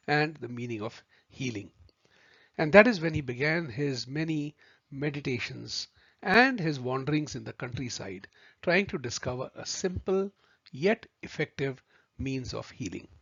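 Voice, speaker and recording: Husky man tutor, a bit of fry in the voice, talking viewers through a lesson, dull dry audio. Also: mid-range voice, a bit bright, no echo. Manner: deliberate, addresses viewers as friends. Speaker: homeopathy tutor. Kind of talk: explanatory video lesson. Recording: dry, slightly muffled recording.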